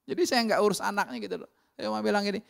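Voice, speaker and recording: A man's voice: sits high, racing, creaky. A man with an Indonesian accent preaching a conversational sermon to his congregation. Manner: animated storytelling with acted quotes. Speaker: pastor.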